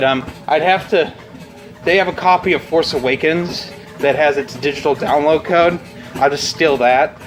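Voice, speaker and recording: A man's voice: a little high, poor audio. A young man chatting casually and bluntly while walking on a treadmill, rambling and swearing freely as a video blogger. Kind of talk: casual unscripted chat to camera.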